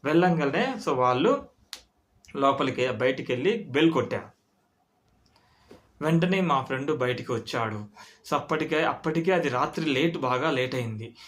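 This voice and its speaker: A man's voice: medium pitch, expressive, normal speed, long pauses, a bit bright, slight background noise. A man telling a first-person story in an earnest, conversational way with frequent restarts.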